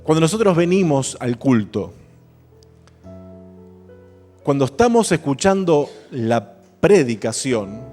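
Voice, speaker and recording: A man's voice: on the high side, dark tone. A man preaching a sermon at an evangelical church service, emphatic and building to impassioned exhortation. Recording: long church reverb, faint instrument music.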